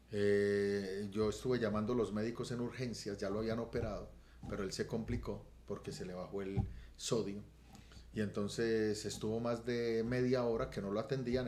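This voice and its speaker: Earnest pastor, roomy echo. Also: male voice, lowish voice, a little hiss or hum. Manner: earnest, swells loud and emotional in retelling. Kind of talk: testimony on a podcast. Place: podcast studio room.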